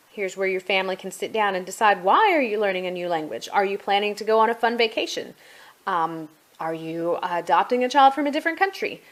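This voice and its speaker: A middle-aged woman with a mid-range voice talks casually, explaining things as she goes, much like a parent showing products at home in a review. There's slight background noise.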